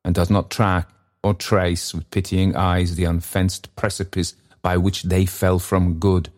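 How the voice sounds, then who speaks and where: An unearthly bell spirit passes solemn judgment in a deep, low voice, played by a man. It speaks slowly and gravely, laying out its accusations one by one. The tone is stern and unyielding, with the weight of a verdict. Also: a little mellow. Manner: stern, grave, measured pronouncements.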